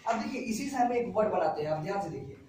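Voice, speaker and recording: A man's voice: sits high, lively intonation, quick pace, a little mellow, a little hiss or hum. A man teaching vocabulary to a class, repeating each word and its meaning and quizzing his students. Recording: very echoey classroom from far off.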